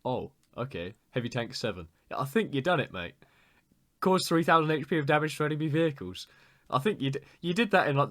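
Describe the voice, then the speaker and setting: A man giving excitable, stumbling commentary on a tank game replay. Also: mid-range voice. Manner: excitable, laughing, stumbles over words.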